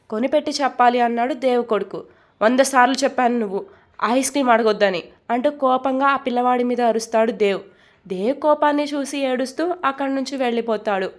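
A woman narrating a romance story, reading every character's lines herself. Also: on the high side.

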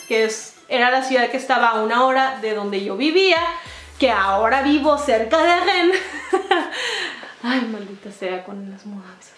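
A young woman with a Mexican accent, telling a casual storytime vlog in a lively, slangy way, laughing and acting out quotes. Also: high voice, roomy sound. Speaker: vlogger.

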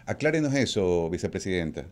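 A man in his thirties hosts a news interview from a small studio. His voice sits a little low, and he asks his questions in a measured, direct way. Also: sing-song.

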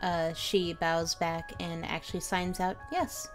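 A woman's voice: lowish voice, monotone, unhurried, soft background music. A woman casually narrating a tabletop game as its game master.

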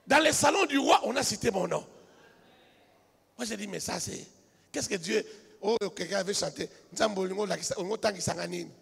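Pastor guy preaching, high gravelly voice, husky, long hall echo w/ faint music. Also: expressive, a little fast. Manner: storytelling quietly, then building to shouted, sung-out preaching. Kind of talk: sermon. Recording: reverberant hall with music behind.

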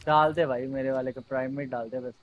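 A man's voice: mid-range voice, steady tone, brisk, phone-quality sound. A man playing a survival game with friends, bantering and teasing in casual chat. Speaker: fellow player.

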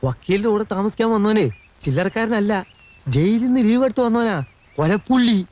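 A man's voice: high voice, animated, a little fast, a little mellow. An actor playing a fussy, nervous household servant who gossips. He speaks in 1980s film style. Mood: anxious. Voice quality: fussy and anxious, secretive.

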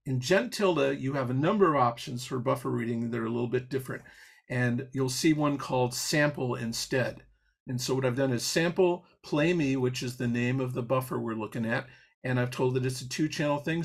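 A software instructor with a creaky, mid-range voice walks through an audio programming patch step by step on a video call. It's a live online coding demo, and he explains as he goes, full of fillers and restarts.

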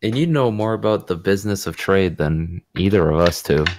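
A man's voice: deep voice, fairly quick, background noise. A man player chatting casually at a tabletop game, laid-back and joking.

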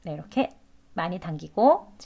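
A woman teaching English pronunciation in Korean, with slow, drawn-out demonstration words between brief explanations. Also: on the low side, sing-song, creaky, lo-fi sound. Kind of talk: pronunciation lesson.

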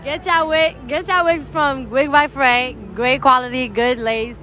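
A woman's voice: sits high, fairly even intonation, unhurried. A young woman answering a street interviewer at night, blunt and confident, picked up by a phone held out to her. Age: young adult. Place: busy city square at night, outdoors. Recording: loud crowd noise around.

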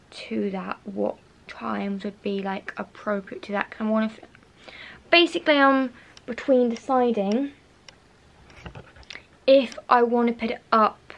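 A woman's voice: medium pitch, gravelly, dull audio. A young woman in her bedroom talking to a handheld camera in a casual vlog, rambling, repeating herself and sometimes sinking to a whisper. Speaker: vlogger. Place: bedroom at home, indoors. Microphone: handheld camera close to face.

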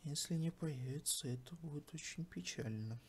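A man hosting a casual screen-recorded tutorial, muttering and thinking aloud in a low-key way as he works. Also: normal speed, darkish tone, breathy edge. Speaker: tutorial host. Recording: faint background noise.

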